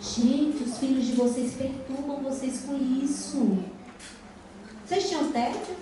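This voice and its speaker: A woman with a Brazilian Portuguese accent giving a lively talk to parents, speaking right to her audience and acting out the dialogue she quotes. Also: high-pitched, measured pace, noisy background. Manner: addresses the audience directly, acts out quoted dialogue. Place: school hall. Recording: echoey hall, voice from far off.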